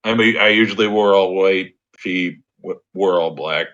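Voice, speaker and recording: A man playing a tabletop role-playing game in casual chat, halting and thinking aloud as he goes. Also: low voice, a bit bright, muffled recording. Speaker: tabletop RPG player.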